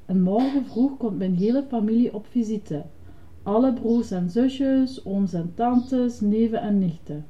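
A weary, patient puppet speaks low and exasperated, voiced by a woman reading a storybook. The voice is dark and mellow, with a dull, lo-fi recording. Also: measured pace, close to an everyday voice.

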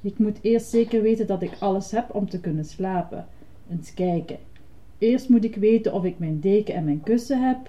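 A woman voicing an excitable, fussy, childlike male puppet in a high, dramatic, insistent voice while reading a storybook aloud. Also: normal speed, close to an everyday voice. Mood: chirpy. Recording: dull lo-fi recording.

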